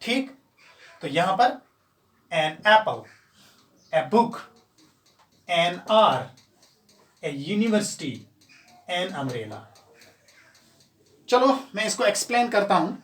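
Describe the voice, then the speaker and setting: A man teaching an English grammar lesson, explaining step by step and repeating examples slowly. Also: high-pitched, big pitch swings, a bit bright. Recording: echoey room, voice from far off.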